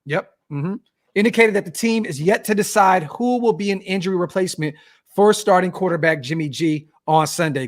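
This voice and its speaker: A man hosting a podcast, relaxed and slangy, reading viewer comments and news aloud. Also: high voice. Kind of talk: casual podcast chat.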